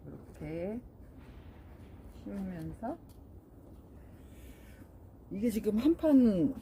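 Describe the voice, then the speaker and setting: A woman's voice: mid-range voice, very animated, extremely slow, dark tone, a little hiss or hum, poor audio. A middle-aged woman vlogging casually about her succulents, chatting to viewers as she plants in a greenhouse. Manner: chatty, talks to viewers while working. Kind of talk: casual chat while planting.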